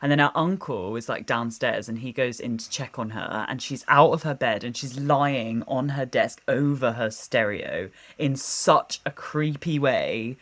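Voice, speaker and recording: A woman's voice: rumbling low, a little slow, few pauses. A woman co-hosting a podcast, telling a ghost story in casual chat, giggly and rambling, swearing freely. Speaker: podcast co-host.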